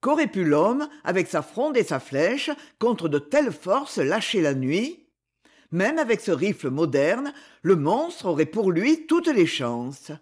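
A man narrating an adventure novel as an audiobook, in a measured, dramatic storytelling manner. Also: high-pitched, very animated, a little mellow, breathy edge.

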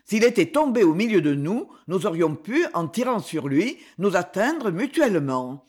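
Brief: a man voicing a cool, decisive adventurer-hunter in an audiobook, husky and lively. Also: high voice, normal speed, soft background music, heavily acted. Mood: calm, assured. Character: bold, coolheaded male English big-game hunter. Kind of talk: audiobook character reading.

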